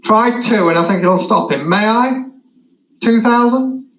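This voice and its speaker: A man with a British accent working as an auctioneer, calling bids in a repetitive rolling chant with drawn-out figures and bantering asides. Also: sits high, a bit bright. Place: indoor auction room. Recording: roomy, dull, noisy saleroom sound.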